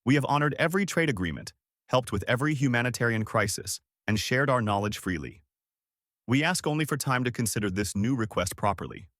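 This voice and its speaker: A man voicing a calm, dignified human male ambassador in a sci-fi audiobook, speaking quietly and with restraint. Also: mid-range voice, brisk, dry recording, clean studio sound, lightly acted.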